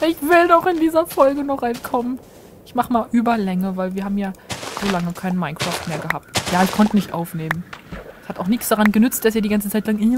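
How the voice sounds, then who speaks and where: A woman's voice: mid-range voice, background noise. A woman giving chatty, self-mocking commentary while playing a game and talking to her viewers. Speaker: let's player. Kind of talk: casual gameplay commentary.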